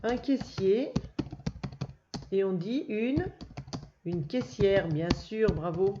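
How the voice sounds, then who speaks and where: In a dull, lo-fi recording with faint noise, a female first-grade teacher with a mid-range voice gives young children a reading lesson. She goes slowly, patiently, and keeps praising the listener.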